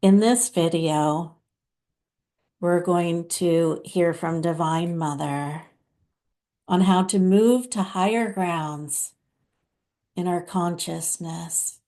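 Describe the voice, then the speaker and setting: Brief: woman host, guided meditation, calm and gentle, very slow pace. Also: fairly low pitch. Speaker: spiritual channeler and host.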